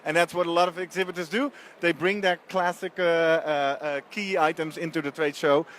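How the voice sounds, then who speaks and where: Male roving reporter, chatty, a bit higher pitched, faint show-floor hum behind. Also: steady tone, normal speed, a bit bright. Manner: chatty, upbeat, stumbles and restarts. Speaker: event reporter. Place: busy trade show floor.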